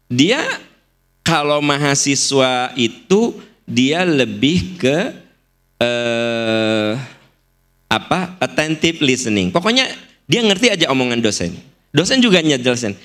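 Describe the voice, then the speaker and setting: A man's voice: mid-range voice, fairly bright tone. A middle-aged man with a Sundanese accent giving a religious lecture in a mosque, explaining points with playful acted-out examples. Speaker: preacher. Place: large mosque.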